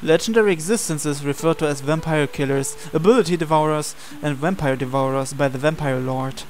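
With game music running in the background, a young host reads out a visual novel's narration and lines of dialogue. His pitch is a touch high and he moves along fairly quickly.

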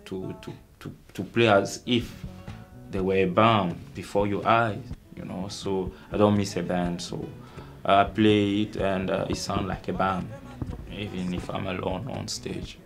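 A young Cameroonian man, a musician, answering interview questions in a halting way, with many fillers and restarts. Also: low voice, flat delivery, vocal fry, faint music behind. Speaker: musician guest.

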